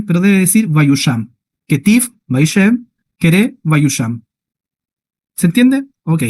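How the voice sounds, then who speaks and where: A man teaching a Hebrew class in Spanish who explains step by step, checks in often with short questions, and reads Hebrew words out slowly. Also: on the high side, darkish tone. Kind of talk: online class lecture.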